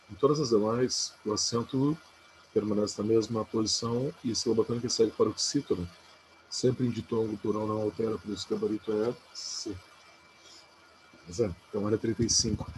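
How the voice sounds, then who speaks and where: Relaxed male teacher, lowish voice. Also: slight background noise, low-quality recording. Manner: casual, talks through answers aloud with frequent "né?" and "beleza?". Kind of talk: recorded exam-prep lesson.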